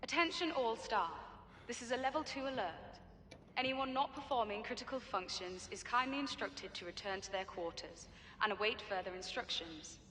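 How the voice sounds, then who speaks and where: An actress voicing a calm female facility announcer heard over a public address loudspeaker, giving a scripted alert in a polite, measured way. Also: on the high side. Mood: calm, formal. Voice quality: polite, measured, even delivery. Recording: echoey loudspeaker in a long-reverb hall with background noise.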